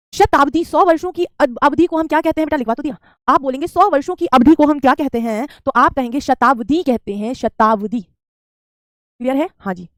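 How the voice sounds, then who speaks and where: High-voiced woman teaching a live class. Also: no echo, studio quality. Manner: repeats answers back, calls students beta; question-and-answer drilling. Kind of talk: live online Hindi grammar class.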